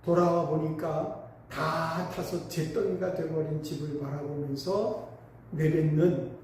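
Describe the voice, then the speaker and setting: Pastor guy telling a story in his sermon, kinda high voice, big echoey church. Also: fairly even intonation, takes it slowly, darkish tone, a little hiss or hum. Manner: storytelling, emphatic swells. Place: church sanctuary. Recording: echoey church hall, mic at a distance.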